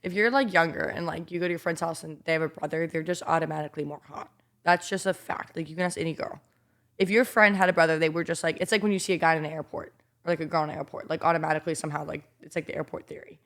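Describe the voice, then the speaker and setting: Fast-talking profane young woman. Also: low voice. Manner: blunt, profane, animated storytelling. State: getting over strep throat. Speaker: podcast co-host. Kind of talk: casual chat.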